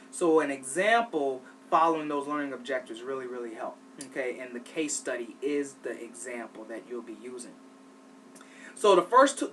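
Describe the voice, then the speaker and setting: A man's voice: fairly high pitch, a bit bright. Man teaching, voice heard from afar. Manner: emphatic, repeats "okay?" to check in. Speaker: instructor of adult learners. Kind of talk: study-skills lesson. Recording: distant mic with faint background noise.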